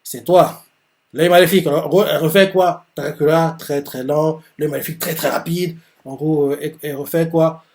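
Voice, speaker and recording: Casting: male reaction host, rambling casual explainer, voice a bit high, lots of fillers. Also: steady tone, a little fast, vocal fry, hardly any pauses, a little mellow. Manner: rambling, full of filler words. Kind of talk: casual manga reaction commentary.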